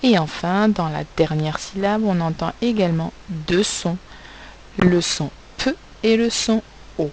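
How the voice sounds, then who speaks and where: A woman's voice: fairly low pitch, measured pace, darkish tone, a little hiss or hum, rough recording. A woman teacher giving a recorded phonics lesson to young pupils, carefully spelling out sounds and letters.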